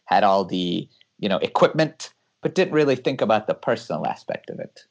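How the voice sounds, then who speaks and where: A man from California answers interview questions as a guest engineer. His voice sits low, and he explains things eagerly, often laughing as he talks. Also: big pitch swings, a little fast, creaky, dull audio.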